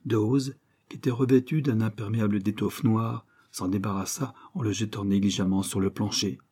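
A man narrates an audiobook in a low, dark and husky voice. His reading stays steady and measured.

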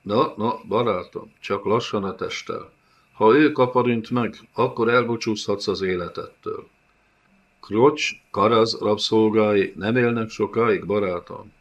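A man's voice: on the low side, dull audio. A man voicing a small, bald, crafty male prisoner who talks in a fawning, wheedling way.

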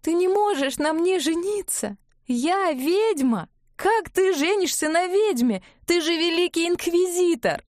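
A woman reading as an anxious young witch, high and strained, her voice climbing far above a narrator's usual pitch. She sounds shrill and pleading, in a dark, mellow storybook tone with a dry, close sound. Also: measured pace, no room sound.

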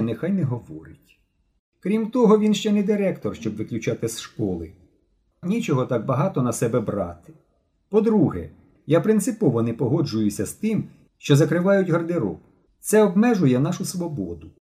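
An arrogant schoolboy drawls his answers with cool disdain in a storybook reading, voiced by a man. The tone is mellow and the pitch rises and falls widely. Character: arrogant snobbish schoolboy Yurko.

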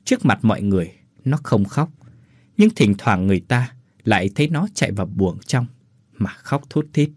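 A man narrating a sad story in a melodramatic style, slowing down for sung-out verse lines. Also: fairly low pitch, very animated, darkish tone, slightly rough, no echo, clean studio sound.

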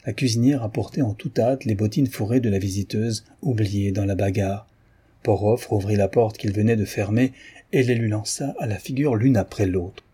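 A man reading a novel aloud as an audiobook narrator, in measured, even storytelling. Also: on the low side, husky. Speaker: audiobook reader.

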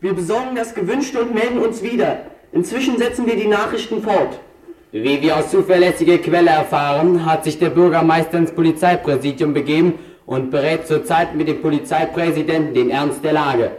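A young loudspeaker announcer. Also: male voice, on the high side, a little fast. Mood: announcing. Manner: repeated formal announcer calls. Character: eager young male helper announcing over a loudspeaker. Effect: voice through a large loudspeaker. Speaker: neighborhood youth making loudspeaker announcements. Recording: echoey loudspeaker from far off.

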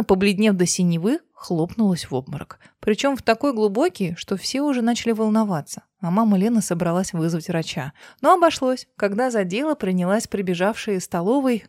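A woman narrating an audiobook with a steady, expressive reading. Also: mid-range voice, no echo, studio quality.

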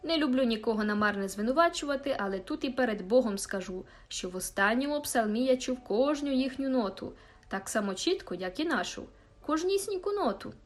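A woman's voice: fairly high pitch, animated, a little fast, close to an everyday voice. A woman voicing an indignant older male village church fiddler who speaks in a fussy, aggrieved, emphatic way.

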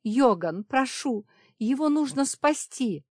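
A woman's voice: animated, measured pace, darkish tone, no room sound, clean studio sound. A woman reading an audiobook, voicing a desperate, sobbing young demoness who screams and pleads. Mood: pleading. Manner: shrill, pleading.

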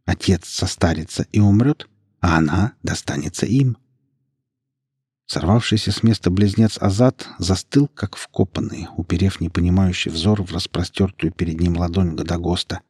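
A man narrating a story in a steady, even reading voice. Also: sits low, normal speed, husky, no echo, studio quality. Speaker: audiobook narrator. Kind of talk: scripted narration.

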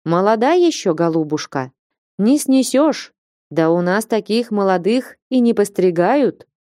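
A calm, cold elderly abbess answers in even, measured words. A woman voices her in a storybook reading, with a mellow, dry tone. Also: medium pitch, dry recording, close to an everyday voice.

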